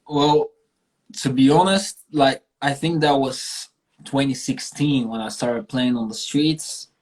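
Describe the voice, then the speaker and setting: A Bulgarian singer and street performer tells stories casually as an interview guest, his medium-pitched voice slow and a little mellow. He speaks earnestly and emphatically, using slang and some swearing.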